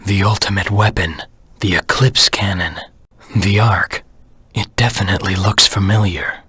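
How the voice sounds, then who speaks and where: Dark vengeful hedgehog antihero from a video game, really deep raspy voice, serious and terse. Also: male voice, fairly even intonation, a little slow, no room sound, exaggerated voice. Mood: focused, wary. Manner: grave, terse, brooding. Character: brooding, vengeful male anthropomorphic hedgehog antihero. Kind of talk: video game voice acting, dramatic monologue.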